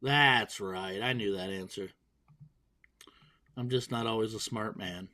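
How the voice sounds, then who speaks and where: Speaking a little slowly in a fairly low, sharp-toned voice, this man provides joking live commentary on a darts tournament. He keeps the banter playful and pokes fun at himself.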